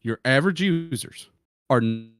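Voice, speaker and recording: A man's voice: mid-range voice, expressive, normal speed, a bit bright, clean tone, no room sound. Panel regular, male, pushy and emphatic, heard through dropping call audio that clips in and out, dry sound. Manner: insistent, keeps cutting in to hold the floor. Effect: choppy call audio that keeps cutting out. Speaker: IT business owner on a podcast panel. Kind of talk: casual panel chat. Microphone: remote internet call.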